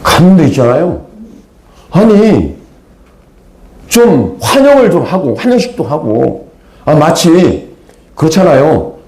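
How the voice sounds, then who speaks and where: Male pastor, lively dramatic sermon delivery, echoey sanctuary sound. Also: on the high side, takes it slowly, long pauses. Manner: animated storytelling, acts out characters, sudden loud outbursts. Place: church sanctuary. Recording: echoey church hall.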